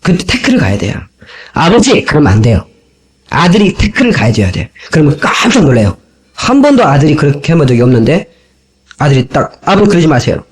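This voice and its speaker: A man's voice: a little high, a little fast. A man preaching a sermon as a pastor, talking animatedly and acting out the people in his stories, from an old cassette tape. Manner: animated, acts out quoted voices.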